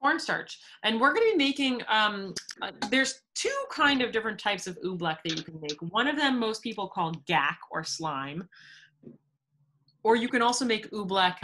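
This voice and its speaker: A woman's voice: medium pitch, lively intonation, normal speed, bright, forceful tone, a little hiss or hum. A woman host on a video call, reading a children's story expressively, then chatting about a simple kids' science activity.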